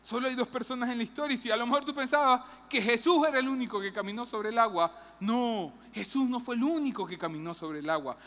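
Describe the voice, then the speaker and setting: A woman preaching a lively sermon in a church, acting out Bible characters. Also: on the high side, quick pace, few pauses, long reverb tail. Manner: animated, acts out Bible characters' lines, jokes with the audience. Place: church hall.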